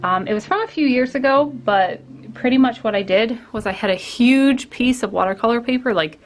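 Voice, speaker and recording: A woman's voice: a little high, a little fast. A woman artist hosting a casual studio vlog, talking while she paints, rambling with lots of fillers and restarts. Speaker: artist and vlogger. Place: home art studio.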